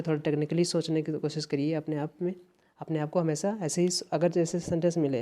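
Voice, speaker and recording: A man's voice: a little high, warm tone. A man with an Indian accent teaching an exam-prep English lesson, explaining patiently and repeating key phrases. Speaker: English teacher for competitive exams.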